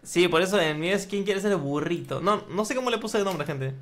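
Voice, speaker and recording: Male streamer, mock game-show host, teasing, slightly high voice, quick explanations. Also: expressive, a bit bright. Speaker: streamer hosting a quiz game. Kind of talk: playful livestream game-show hosting.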